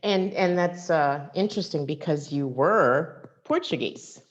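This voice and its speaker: A woman's voice: low voice, lively intonation, measured pace. A woman hosting a casual interview, asking curious questions with small hesitations. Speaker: interview host. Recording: muffled lo-fi audio.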